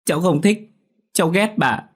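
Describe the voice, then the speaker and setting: A man's voice: normal speed, husky. A man voicing a frightened little girl who cries and pleads for her mother in a ghost story. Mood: defiant. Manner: high, pleading, crying out.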